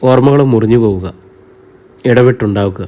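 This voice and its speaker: A man voicing a confident, calm male doctor in a novel reading. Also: medium pitch, normal speed, close to an everyday voice. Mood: reassuring. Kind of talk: audiobook character reading.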